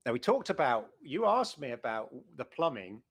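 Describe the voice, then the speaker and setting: A man's voice: mid-range voice, big pitch swings, moderate pace, breathy edge, no room sound. A middle-aged man co-hosting a retro gaming show, chatting with enthusiasm and rambling through restarts. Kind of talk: casual chat.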